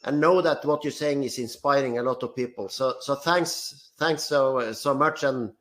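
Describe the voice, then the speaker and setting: A man's voice: mid-range voice, moderate pace, a bit bright. A man hosting a live career webinar over a video call, enthusiastic and chatty, often repeating words as he starts a sentence. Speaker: webinar host.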